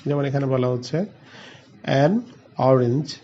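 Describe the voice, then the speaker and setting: A man's voice: mid-range voice, flat delivery, takes it slowly, mellow, a little hiss or hum. Man explaining a lesson, muffled sound. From Bangladesh. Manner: explains step by step, spells out letters, asks and answers own questions. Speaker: teacher. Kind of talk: classroom grammar lesson.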